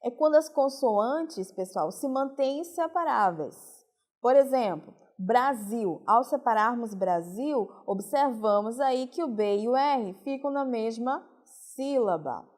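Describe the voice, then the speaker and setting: A woman teacher from Brazil, giving a recorded lesson and explaining slowly, stressing each example word. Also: on the high side, animated, a little mellow. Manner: slow, deliberate explaining, stressing example words. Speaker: Portuguese teacher.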